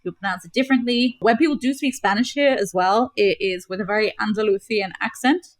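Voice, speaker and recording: A young woman from Gibraltar chats as a podcast guest, explaining at length and leaning on "like" as she goes. Her voice sits at a middle pitch. The sound is dry and close, with no room echo. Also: fast talker. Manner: chatty, explanatory, frequent "like" fillers. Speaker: podcast guest, travel creator. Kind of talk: casual chat.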